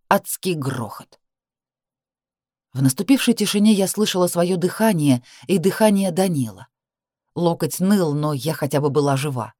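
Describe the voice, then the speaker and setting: A woman's voice: sits low, mellow, dry recording. Woman reading a novel, dry close sound. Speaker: audiobook reader. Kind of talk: first-person novel narration.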